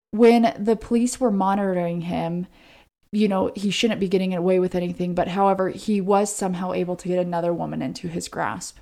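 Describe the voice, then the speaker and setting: A co-host of a true crime podcast, this woman has a warm, rounded, relaxed and somewhat low voice. She tells the case conversationally, like a story, earnestly explaining each step.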